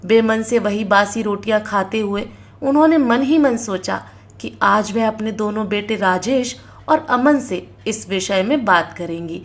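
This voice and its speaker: A woman narrating a family moral story, voicing every character in her own voice with only small changes. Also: a little slow. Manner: reads all characters in her own voice, small pitch shifts.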